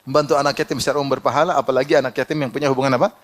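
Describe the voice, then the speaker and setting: A man's voice: mid-range voice, fairly even intonation, racing. A middle-aged man preaching a sermon, telling personal anecdotes, quoting Arabic and laughing often. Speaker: Islamic preacher.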